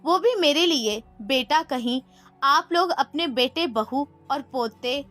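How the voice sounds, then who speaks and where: A woman's voice: high-pitched, expressive, fairly bright tone, soft background music. A woman voicing a hurt young mother who speaks coldly and accusingly, read out in a storybook. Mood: bitter. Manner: cold and accusing.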